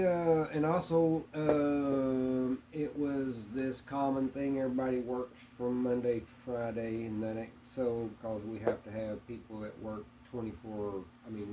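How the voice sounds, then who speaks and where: A man answering interview questions in a hesitant, plainspoken way, with many pauses and fillers. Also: mid-range voice, warm tone, a little hiss or hum, low-quality recording. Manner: hesitant, many ums and uhs; plainspoken, religious. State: hiccups.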